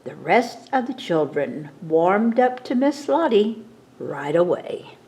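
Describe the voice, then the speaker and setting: Animated, slow-paced woman reading a storybook. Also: lowish voice, slight background noise. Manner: dramatic, animated storytelling for children. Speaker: children's storytime reader. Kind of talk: expressive picture-book read-aloud.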